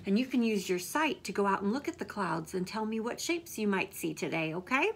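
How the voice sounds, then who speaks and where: A woman's voice: medium pitch, sing-song, a little fast, gravelly, slightly rough. A woman hosting a children's story time, asking young listeners questions and praising their answers like a teacher.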